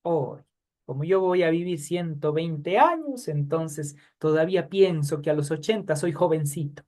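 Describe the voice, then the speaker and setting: Slow-spoken man teaching a Bible class. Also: a little high, animated, darkish tone. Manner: conversational, asks the class questions; jokes with students by name.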